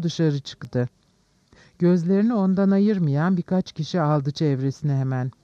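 A man narrates an audiobook in a steady, measured way. His voice sits slightly high but sounds dark and mellow. The recording is dry and a little dull. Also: dry recording.

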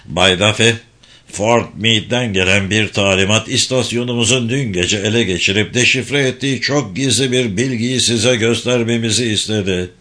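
A man voicing a calm, formal male intelligence officer giving a briefing in a spy audiobook. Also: fairly low pitch, moderate pace.

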